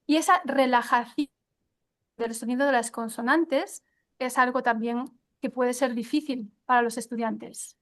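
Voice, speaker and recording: Speaking at a measured pace in a high voice, a woman answers interview questions about teaching pronunciation in a relaxed, conversational tone. She hesitates a lot, thinking aloud, filling pauses with "eh" and restarting sentences.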